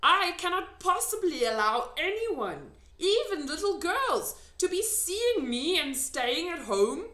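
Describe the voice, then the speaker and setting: A woman's voice: very high voice, sing-song, slow, few pauses, bright, forceful tone, voice pushed up, exaggerated voice. A woman voicing a big, friendly, earnest male giant from a children's storybook, emphatic and drawn out, with muddled grammar. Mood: excited, alarmed. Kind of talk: children's storybook character reading. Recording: echoey room.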